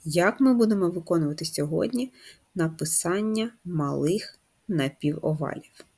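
Husky-voiced woman teaching first graders. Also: fairly low pitch, lively intonation, normal speed, darkish tone. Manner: patient, step-by-step instruction with questions to children. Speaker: primary school teacher. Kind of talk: first-grade writing lesson.

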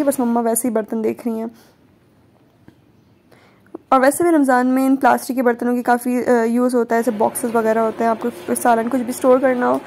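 Brief: young woman vlogger from Pakistan, slightly high but mellow voice, chatty and joking, on a phone camera in a supermarket. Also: slight background noise. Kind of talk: casual vlog narration. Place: large supermarket, indoors.

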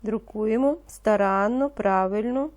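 A woman teaching a reading lesson to young children, speaking slowly and patiently and pronouncing each word with care. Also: medium pitch, a little mellow. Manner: slow, patient, encouraging, pronounces words carefully. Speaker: primary school teacher.

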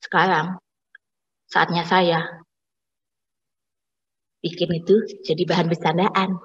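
A woman's voice: on the low side, flat delivery, slow, slightly rough, in a large hall, highs cut off. A young woman doing a satirical stand-up monologue, complaining wryly and acting out the voices in her stories. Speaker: stand-up comedian.

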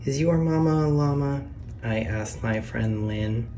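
Filmed from above with his hands turning the pages, a narrator reads a picture book to children, lifting his voice sing-song on every question and reveal. His mid-range voice is mellow and measured. The mic is distant and picks up a little hiss or hum.

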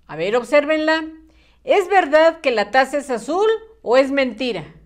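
A woman's voice: high voice, animated, unhurried. Patient sing-song woman teacher. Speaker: primary school teacher. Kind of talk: children's lesson.

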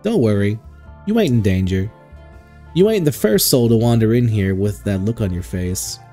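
A man's voice: lowish voice, lively intonation, moderate pace, mellow, soft background music. A man voicing a flirty southern hostess with a drawl, sweet-talking and calling people sugar. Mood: reassuring. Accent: Southern US (put on).

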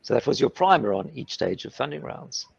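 A middle-aged man on a panel video call, explaining funding stages in a lively way and acting out founder and investor exchanges. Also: mid-range voice, brisk, vocal fry, slightly rough, no echo. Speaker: panelist, startup legal platform founder. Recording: dull, slightly lo-fi video call audio.

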